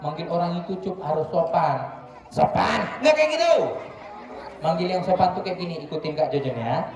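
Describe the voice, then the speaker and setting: A man telling stories to schoolchildren, playful and slow-spoken with a slightly high, gravelly voice. The recording sounds dull and echoey, and a crowd of children is heard behind him. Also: animated, a little mellow. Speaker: children's storyteller and ventriloquist. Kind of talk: playful storytelling show for children.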